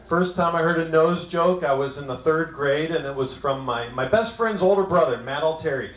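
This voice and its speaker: On a club stage, a stand-up comic from Cleveland, Ohio performs a crude, self-deprecating set. His voice is a little high and his pace moderate, and the room sounds echoey.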